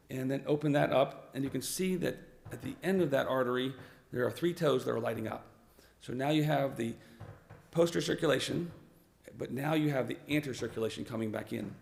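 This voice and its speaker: Male physician lecturer, raspy and hoarse, mid-pitched, halting delivery. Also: darkish tone. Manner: halting, with many fillers and restarts. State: hoarse, clearing his throat. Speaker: vascular physician presenting at a conference. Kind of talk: medical lecture on slides.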